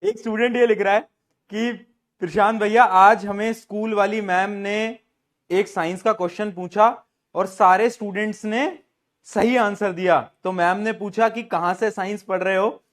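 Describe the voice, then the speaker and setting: A young man teaching science in a live online class. His voice sits high for a man. He teases and jokes with his students as he talks to them directly. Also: fairly even intonation, normal speed. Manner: playful, teasing, talks straight to students.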